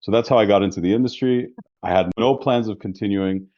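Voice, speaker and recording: Brisk and deep-voiced, this insurance business founder from the New York metro area is relaxed and talkative in a casual interview, restarting frequently. The recording is muffled, with no room sound.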